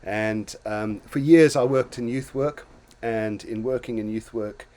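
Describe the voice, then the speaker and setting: An older Zimbabwean man hosts a casual talk show, telling stories from his own life with many restarts and small chuckles. His mid-range voice is warm and a little slow.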